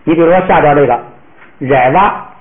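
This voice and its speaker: A man teaching a classroom pronunciation lesson, patiently modeling words slowly for the class to repeat. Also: fairly high pitch. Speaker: language teacher. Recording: echoey room, tinny phone-like sound.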